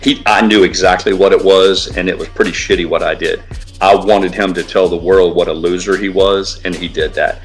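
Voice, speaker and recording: Soft background music plays while a man on a casual livestream, one of its co-hosts, delivers blunt, profanity-laden rants. He speaks at a normal speed in a deep, steady voice.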